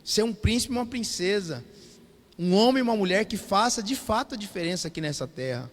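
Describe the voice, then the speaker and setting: A Brazilian pastor preaches a sermon in a church hall, calling out to the congregation in call-and-response and asking "Amém?" over and over in a Brazilian Portuguese accent. His voice is high, fairly quick, and lively in intonation, echoing through the large space.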